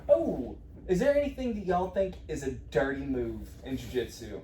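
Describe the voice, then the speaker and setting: A man's voice: medium pitch, lively intonation, moderate pace, dark tone, echoey room, far from the mic, slight background noise, low-quality recording. A man co-hosting a podcast in an easygoing, laid-back way. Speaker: podcast co-host. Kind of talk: casual podcast banter.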